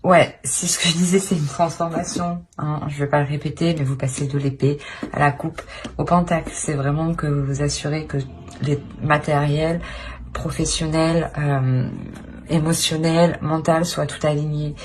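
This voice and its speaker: A woman with a low voice and fairly even intonation gives a casual tarot reading to her viewers at normal speed, with a little hiss or hum in the recording. She's hesitant, filling her speech with "euh" and restarts, and drops soft-spoken asides.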